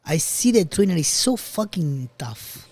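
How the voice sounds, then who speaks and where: A man's voice: fairly high pitch, big pitch swings, unhurried, darkish tone, breathy edge. A man from Argentina hosting a podcast interview, casual and profane, with loose phrasing. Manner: swears freely, loose non-native phrasing. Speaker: podcast host.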